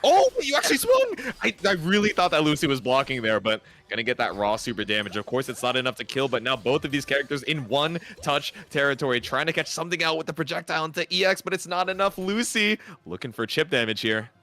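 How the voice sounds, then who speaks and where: A man giving analytical, excitable play-by-play commentary on a fighting game tournament, full of gamer slang. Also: medium pitch, fast talker, few pauses. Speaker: esports commentator.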